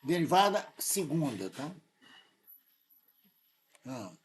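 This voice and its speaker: A man's voice: a little high, sing-song, slow. A man with a Brazilian Portuguese accent tutoring a student in math, insistent and correcting them often. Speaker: math teacher. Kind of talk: live tutoring lesson.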